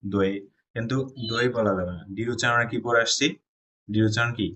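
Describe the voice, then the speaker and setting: Bangladeshi guy teaching a chinese class, mid pitch, step by step, keeps asking right?. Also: rapid-fire, pushed and bright, slight background noise. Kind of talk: classroom lesson.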